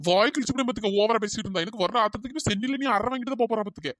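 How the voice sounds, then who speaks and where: A voice actor playing a tall, exasperated husband in a comic cartoon, bickering and then pleading through a pitch-shifted cartoon voice. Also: rapid-fire, fairly bright tone. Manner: scolding, then fawning and pleading. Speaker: cartoon character.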